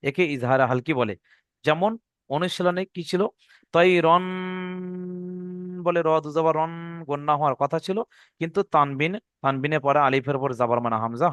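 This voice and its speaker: একজন পুরুষ শিক্ষক, ধৈর্য ধরে বারবার নিয়ম বুঝিয়ে দেন এবং অক্ষরের নাম টেনে টেনে সুর করে বলেন।. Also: male voice, mid-range voice, a bit bright, no echo, studio quality. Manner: patient, repeats rules slowly, drawn-out chanted letter names. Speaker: Quran reading teacher. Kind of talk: classroom lesson recitation.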